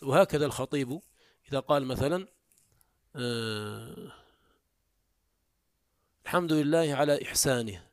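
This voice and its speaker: A man's voice: a little high, no room sound. Man teaching Arabic grammar, dry sound. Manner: explains step by step, often checks understanding with quick questions; recites rhymed prose and verse examples aloud. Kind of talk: classroom lecture.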